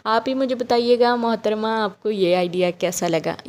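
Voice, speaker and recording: A woman's voice: fairly high pitch, normal speed, a little mellow. A woman, giving a chatty, homely step-by-step craft tutorial with frequent fillers. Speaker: DIY craft vlogger. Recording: home video with faint background music.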